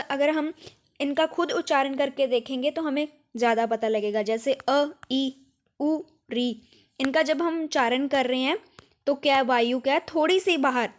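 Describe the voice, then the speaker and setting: A woman with a Punjabi accent teaching an exam-prep grammar lesson, asking questions and answering them herself, and sounding out vowels slowly. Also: high-pitched.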